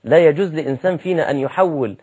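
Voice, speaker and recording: Husky Egyptian man preaching. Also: on the high side, rapid-fire, darkish tone. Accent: Egyptian Arabic. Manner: earnest, repeats key phrases for emphasis. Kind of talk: religious lesson.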